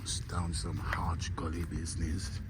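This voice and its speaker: Walking through an outdoor hotel garden, a chatty Jamaican travel vlogger talks casually to viewers, calling them "my people" and often dropping to a murmur. His voice sits low and monotone at a measured pace, and the recording is very noisy.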